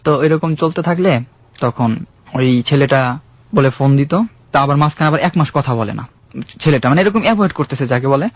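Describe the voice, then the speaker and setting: A young man calling in to a radio show, earnestly recounting his own love story in a halting, heartfelt way. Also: mid-range voice, no room sound. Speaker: caller. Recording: dull, dry radio studio sound.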